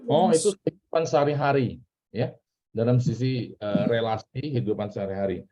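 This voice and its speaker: A man's voice: medium pitch, fairly quick, warm tone. Chatty man teaching a church class. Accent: Indonesian. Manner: chatty, repeats key words, drills phrases. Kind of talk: casual teaching, asking the class questions. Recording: dull lo-fi recording.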